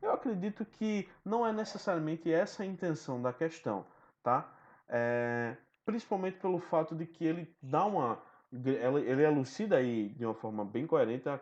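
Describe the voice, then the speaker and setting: A man's voice: on the high side, animated, moderate pace, darkish tone. A man teaching a recorded online lesson, explaining step by step and often checking in with the listener. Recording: dull lo-fi sound.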